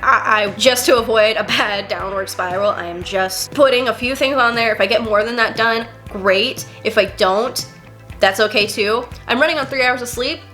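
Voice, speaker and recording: A woman's voice: a little high, normal speed, pushed and bright, soft background music. A young woman vlogger with a stuffy, nasal voice from a cold, rambling casually with stuttering restarts. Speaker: lifestyle vlogger. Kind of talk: casual chit-chat vlog.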